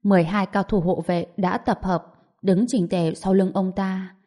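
Mellow-voiced woman narrating a storybook. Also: medium pitch. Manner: steady, measured storytelling. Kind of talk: scripted narration.

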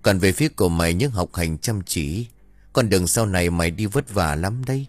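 Một người đàn ông đọc lời hồn ma cậu bé chết đuối nhập vào bà đồng, giọng buồn bã, dặn dò. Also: male voice, low-pitched, expressive, fairly quick, no echo. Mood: sorrowful. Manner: mournful, gently admonishing. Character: drowned boy's ghost speaking through an old woman.

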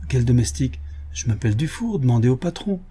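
A man's voice: mid-range voice, big pitch swings, quick pace, warm tone, slightly rough. A man voicing a frightened male servant, a murder suspect who stammers and protests his innocence. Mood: protesting.

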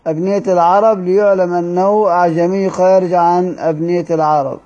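High-voiced Egyptian man teaching Quranic readings. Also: little pitch movement, dark tone. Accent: Egyptian Arabic. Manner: explains step by step, drawing out key words slowly and repeating them. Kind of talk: study-circle lecture. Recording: dull lo-fi recording.

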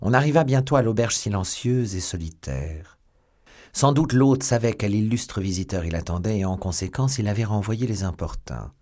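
Expressive male audiobook narrator. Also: lowish voice, moderate pace. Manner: expressive storytelling, dramatic swells. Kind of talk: scripted novel narration.

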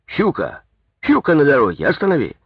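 A man's voice: on the high side, huge pitch swings, a little fast, a bit bright, slightly rough, dry recording, voice pushed up, heavily acted. Man reading as a grim mocking criminal. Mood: excited shouting. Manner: mocking, hissing.

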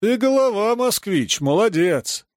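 A man voicing a gruff old village grandpa who banters coarsely and brags, in an audiobook reading. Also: high-pitched, very animated, measured pace, no echo, clean studio sound, voice pushed up. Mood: excited. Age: over 60.

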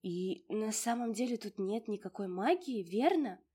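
A woman voicing a curious, puzzled young woman in a storybook reading, inquisitive and wondering, with a husky voice. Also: mid-range voice, animated, unhurried, mellow.

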